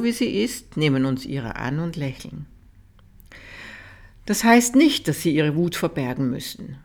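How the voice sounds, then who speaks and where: A calm reader giving a measured audiobook reading of a Buddhist teaching text, softening at key sentences. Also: mid-range voice, vocal fry.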